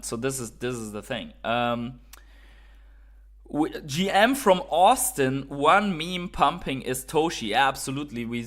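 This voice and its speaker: This German man, a native speaker with a German accent, has a mid-range, fairly bright voice. Hosting a live stream, he offers enthusiastic, informal market commentary and chats, reading out and answering viewer messages.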